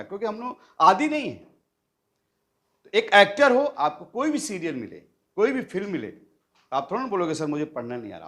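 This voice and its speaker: A man gives an acting lesson, his pitch leaping from low and quiet to high and loud. He demonstrates lines himself and keeps checking in with his students. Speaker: acting teacher. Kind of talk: coaching lecture to acting students.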